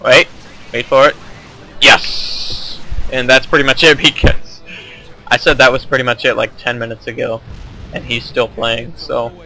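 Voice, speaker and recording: A man's voice: medium pitch, fairly even intonation, normal speed, sharp tone, soft background music, rough recording. A young man casually commentating his own strategy game replay, rambling and correcting himself as he goes. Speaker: gameplay commentator.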